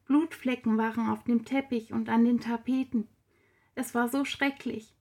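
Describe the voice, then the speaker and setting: A woman's voice: a little high, steady tone, normal speed, darkish tone. A woman reading as a tearful, shaken teenage girl. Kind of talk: storybook reading.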